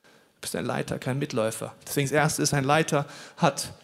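A man preaching a sermon, talking straight to the listener and swinging between quiet emphasis and loud, animated bursts. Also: medium pitch, fairly quick, creaky. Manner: direct, addresses listener as du, animated swings in loudness.

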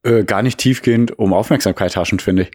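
A blunt, teasing man co-hosts a casual podcast chat. His voice sits very low and warm, and he talks fast. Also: husky. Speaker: podcast co-host.

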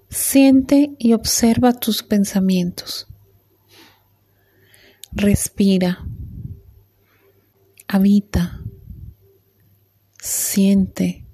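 A woman leading a guided meditation in a soft, calm voice with long pauses. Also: mid-range voice, slightly rough.

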